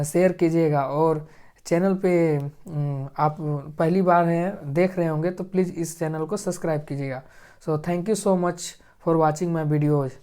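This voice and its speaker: A man's voice: fairly high pitch, warm tone, clear, resonant tone. A man teaching English pronunciation, patiently repeating each step and checking in often. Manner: patient, repetitive drilling with frequent checks. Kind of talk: pronunciation lesson for Hindi speakers.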